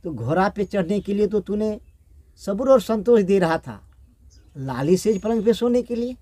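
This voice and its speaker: A man's voice: high voice, animated, normal speed, warm tone, dry recording. A man voicing a stern palace soldier who questions a prisoner in a mocking way.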